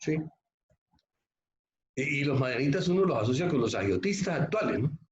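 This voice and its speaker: A pastor preaches in a fairly high, emphatic voice, talking with the congregation through rhetorical questions. The room rings with echo, the sound is a bit dull, and faint ambience hangs behind him. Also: male voice, expressive, normal speed, a little hiss or hum. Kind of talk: sermon. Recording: echoey, slightly muffled room recording.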